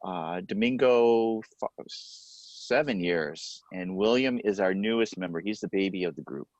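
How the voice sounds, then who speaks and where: This is a middle-aged man with a low voice who has played in a touring brass group for decades. He talks in a loose, rambling way, restarting sentences and slipping in deadpan jokes. The sound is dry and close. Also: unhurried, no echo, dull audio. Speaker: founding member of a brass quintet. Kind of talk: casual Q&A answers at a masterclass.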